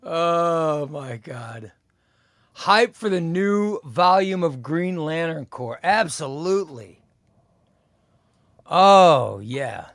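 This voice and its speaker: Hosting a live comics stream, a man in his fifties reads comments aloud in an easygoing, unhurried chat, rambling and looping back to his own phrases. His voice is slightly high, animated, and a bit bright.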